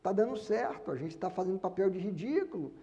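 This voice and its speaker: A man's voice: high-pitched, expressive, a little fast, dark tone. A Brazilian man voicing an exasperated wife who scolds her husband, inside his sermon. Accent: Brazilian Portuguese. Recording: long hall reverb.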